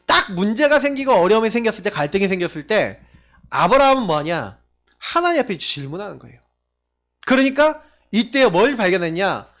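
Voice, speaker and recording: A male pastor preaching a sermon, emphatic, asking the congregation questions and swinging between loud stressed phrases and low quiet asides. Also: sing-song, brisk.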